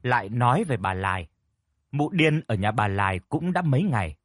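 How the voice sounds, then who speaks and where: A man's voice: mid-range voice, very animated, moderate pace, no echo. A man narrating a scripted ghost story in a dramatic, suspenseful way.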